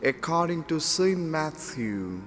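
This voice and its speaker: Male priest, high and lilting, slow solemn gospel proclamation, cathedral echo. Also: sing-song, a bit bright. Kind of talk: liturgical gospel reading. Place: large church. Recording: long church reverb.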